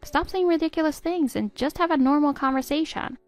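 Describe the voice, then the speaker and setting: Woman doing a gentle worn-down stepmom, middle-aged, bit high, dry close sound. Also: a little fast, dry recording, soft background music, lightly acted. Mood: pleading. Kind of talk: text-story voice acting.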